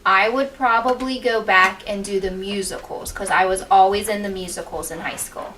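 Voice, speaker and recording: A woman's voice: mid-range voice, fairly even intonation, moderate pace, fairly bright tone. A woman giving encouraging, simply worded interview answers to children, often echoing the question before she replies. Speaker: school staff member being interviewed. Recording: distant mic with faint background noise.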